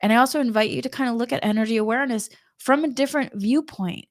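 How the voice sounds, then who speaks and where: A woman's voice: a little high, fast, dry recording, clean studio sound. A woman giving a casual, emotional personal monologue as a spiritual energy coach, chatting directly to her listeners.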